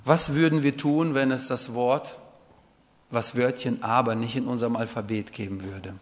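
A man's voice: mid-range voice, fairly even intonation, normal speed. A man preaching a sermon in German, earnest, sometimes rising to fervent pleading. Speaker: pastor. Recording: long reverb of a hall.

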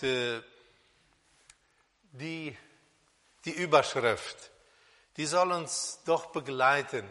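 A man preaching a sermon on a Bible passage, speaking slowly and deliberately with pauses and fillers, in a church hall. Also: mid-range voice, bright, forceful tone. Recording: long reverb of a hall.

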